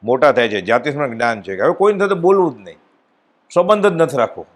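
A man giving a devotional discourse at a spiritual gathering, telling stories and acting out the dialogue with sudden rises and drops in his voice. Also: fast. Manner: animated storytelling, acts out dialogue with swings in pitch and loudness. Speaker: spiritual speaker at a satsang.

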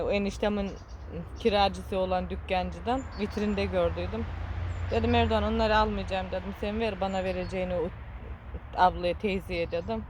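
A woman's voice: medium pitch, a little hiss or hum. A woman with a Trabzon Turkish accent, telling an emotional personal story in an earnest, regretful way. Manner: earnest, regretful, speaks with repetition and local dialect words. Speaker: vlogger.

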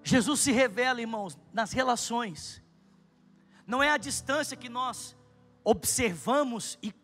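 A man in his thirties preaching a sermon on a large church stage into a handheld mic, swinging from soft asides to loud, fervent shouting. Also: very high voice. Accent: Brazilian Portuguese.

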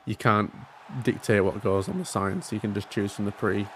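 A man co-hosting a casual game stream, calling wrestling matches with excitable play-by-play and dry jokes. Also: fairly low pitch, moderate pace, slight background noise. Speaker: co-host and wrestling commentator.

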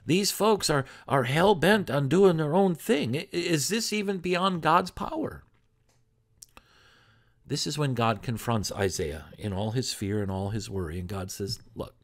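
A man's voice: mid-range voice, expressive, a little slow. A man pastor giving a sermon in a conversational preaching style, full of rhetorical questions.

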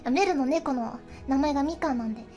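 A woman streaming a fighting game, chatting casually, often laughing and yelping excitedly as she plays, with game music behind her. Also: high-pitched, fast talker. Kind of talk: casual game livestream chat.

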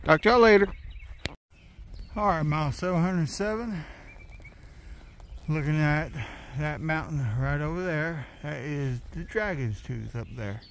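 A man's voice: a little high, measured pace, pauses often, a little hiss or hum. A man vlogging to camera while hiking, talking in a folksy, upbeat way and calling his viewers y'all. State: out of breath. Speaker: hiker vlogging a long trail. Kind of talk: casual trail vlog to camera. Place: outdoors on a mountain trail.

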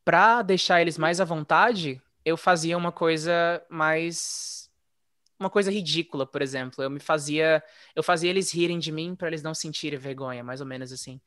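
A man telling his story in a relaxed, chatty way, as a guest in a casual interview. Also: a little high, moderate pace, no room sound, clean studio sound. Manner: relaxed, chatty, frequent "né?" tags. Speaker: interview guest, former English teacher living abroad.

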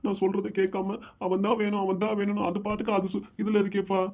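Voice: mid-range voice, quick pace, lightly acted. A performer voicing a hot-tempered scolding father. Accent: southern Tamil. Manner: scolding, shouting, then weeping. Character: strict, hot-tempered middle-aged father, tearful.

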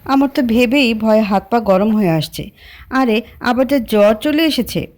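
A woman's voice: on the high side, expressive, moderate pace, darkish tone, natural voice. A woman voicing a shy, teasing young woman in love, with a coy, pleading way of talking. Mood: shy, playful.

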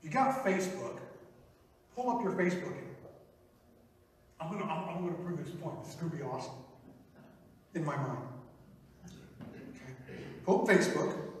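A man's voice: a little high, slight background noise. A man with a Midwestern American accent preaching a sermon to his church, playful and teasing with the congregation. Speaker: pastor. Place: large church hall. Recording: echoey hall, from far off.

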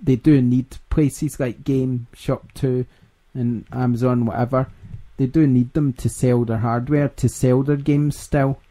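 A man's voice: mid-range voice, steady tone, measured pace, hardly any pauses, mellow. A Scottish man hosting a gaming podcast in casual chat, laughing often and rambling. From Scotland. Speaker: podcast host.

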